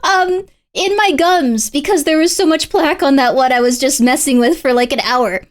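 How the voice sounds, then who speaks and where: Playful, high-voiced woman streaming. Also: normal speed, a little hiss or hum. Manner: animated, repeats phrases for emphasis. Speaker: VTuber livestreamer. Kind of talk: casual livestream chat.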